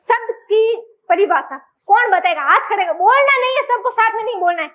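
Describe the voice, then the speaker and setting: A woman's voice: very high voice, lively intonation, brisk, a bit bright. A woman teacher with a Rajasthani Hindi accent, giving a classroom lecture and quizzing her class with question after question.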